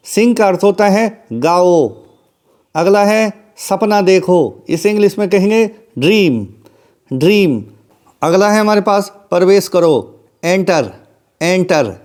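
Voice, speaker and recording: Slow, high-voiced man drilling vocabulary. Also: darkish tone. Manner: slow, deliberate drilling, repeats each word. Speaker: English teacher. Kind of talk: vocabulary lesson.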